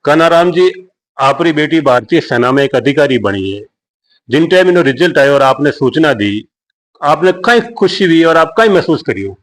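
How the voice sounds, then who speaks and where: A man's voice: on the high side, lively intonation, normal speed, poor audio. A man asks long, rambling questions in a local news interview.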